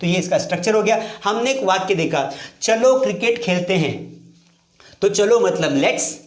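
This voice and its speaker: A man's voice: high-pitched, expressive, moderate pace. A man teaching an English lesson to students he calls dear children, often asking a question and then answering it himself and repeating key points. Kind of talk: classroom lesson. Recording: echoey room.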